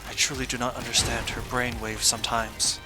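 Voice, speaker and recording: A man voicing a polite, curious extraterrestrial being on a game stream, speaking in a formal, measured, detached and wordy way. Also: mid-range voice, flat delivery, music in the background, close to an everyday voice. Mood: conflicted, apologetic. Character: polite, curious extraterrestrial star being inhabiting a human host. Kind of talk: in-character video game stream commentary.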